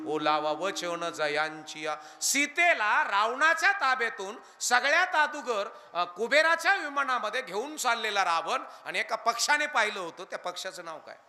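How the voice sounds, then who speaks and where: A high-voiced man from Maharashtra, India, delivers a devotional kirtan sermon. He is animated, peppers his listeners with questions, and occasionally breaks into chanted verse.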